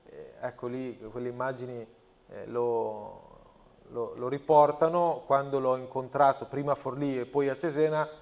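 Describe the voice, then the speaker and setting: A man's voice: medium pitch, steady tone, normal speed, vocal fry, a little mellow, dull audio. A man, speaking as a guest on a studio talk show, earnest and emphatic, often restarting his phrases. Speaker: provincial president, guest.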